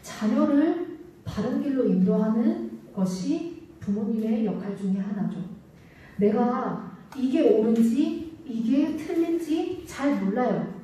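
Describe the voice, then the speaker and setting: A woman's voice: fairly high pitch, lively intonation, takes it slowly, mellow. Woman giving a kids sermon in a church, far from the mic with lots of echo, asks questions and answers them. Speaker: children's ministry preacher. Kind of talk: sermon to children. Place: church sanctuary. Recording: echoey church hall, mic at a distance.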